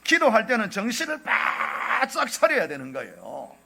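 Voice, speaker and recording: A middle-aged male pastor with a Gyeongsang accent preaches in a high, bright voice that swings widely in pitch. He presses his points with rhetorical question after rhetorical question to the congregation. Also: huge pitch swings, normal speed, gravelly, breathy edge. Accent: Gyeongsang Korean. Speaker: senior pastor. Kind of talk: sermon.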